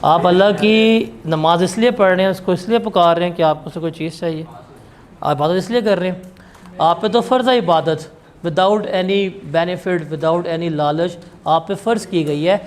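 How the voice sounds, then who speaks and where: A man's voice: high-pitched, brisk. A male teacher giving a classroom lecture in a blunt, scolding, emphatic way.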